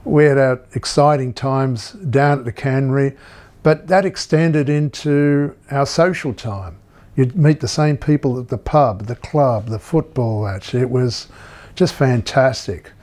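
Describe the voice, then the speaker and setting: A man in his sixties recalls his working years in a relaxed, rambling way with many fillers, speaking indoors on a video call. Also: mid-range voice, measured pace. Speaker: interviewee. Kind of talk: oral history recollection. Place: indoor room.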